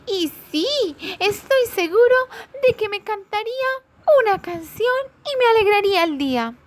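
A woman's voice: very high-pitched, lively intonation, normal speed, voice pushed up. A woman voicing a tiny, lonely young bird who pleads in a childlike way for a mother. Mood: hopeful.

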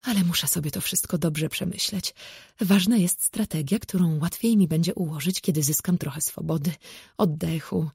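A woman's voice: fairly low pitch, moderate pace, creaky, a little mellow, breathy edge, dry recording, studio quality, full character voice. A woman voicing a fussy, scheming middle-aged mother in an audiobook, who talks dramatically and drops into conspiratorial whispers. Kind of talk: audiobook character voice.

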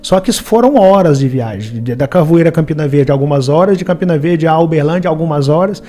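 A podcast guest in his forties, with a Minas Gerais Brazilian Portuguese accent, recounts his life story and earnestly voices the people he quotes. He talks fast in a warm, slightly high voice with lively intonation over soft background music. The studio has a brick wall and purple lights, and he uses a studio mic on a boom arm.

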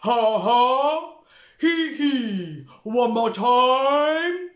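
A woman voicing a big giant in a slow, deep chant for a children's singing warm-up. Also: lively intonation, heavily acted. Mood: booming. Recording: roomy echo.

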